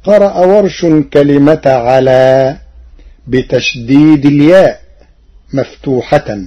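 A man explaining Quran recitation variants in a slow, measured, formal scholarly way on a radio broadcast. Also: mid-range voice, dark tone, lo-fi sound.

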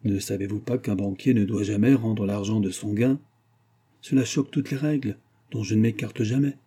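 A man's voice: fairly low pitch, steady tone, normal speed, dark tone, slightly rough. A man voicing a rich, contemptuous gambler who harshly refuses a ruined old man, raising his voice. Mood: scornful. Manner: contemptuous, angry. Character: scornful rich male bank-holding gambler, harsh and proud.

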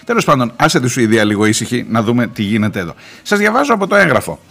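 A middle-aged man hosting a radio show, giving sarcastic, mocking news commentary and reading documents aloud in halting English. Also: medium pitch, sing-song, vocal fry, fairly bright tone. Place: radio studio.

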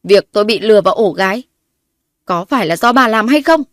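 A woman's voice: mid-range voice, fairly quick, no room sound, clean studio sound, close to an everyday voice. A woman narrator voicing a wronged young wife who confronts her in-laws sharply and defiantly. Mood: accusing.

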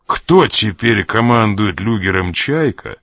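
A man's voice: fairly low pitch, lively intonation, takes it slowly, a bit bright, dry recording, clean studio sound, heavily acted. A man reading a sly mocking sailor. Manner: mocking, laughs at threats.

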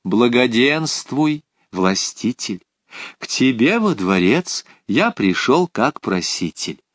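Earnest young disciple read by a male narrator, slow, lively pitch, dry. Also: no echo.

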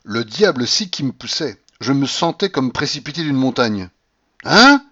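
A man reading a classic novel aloud as an audiobook, with a dramatic, expressive delivery that acts out the scenes. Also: normal speed, husky, muffled recording. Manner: dramatic, shifts pitch to act out scenes. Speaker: audiobook reader. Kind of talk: expressive literary narration.

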